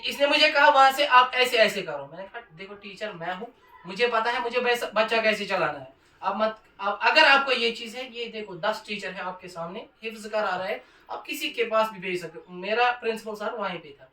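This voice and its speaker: Male Quran teacher, emphatic, quizzes pupils; bright tone, distant mic in a reverberant room. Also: high-pitched. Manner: emphatic, quizzes the class with repeated questions. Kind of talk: classroom lesson.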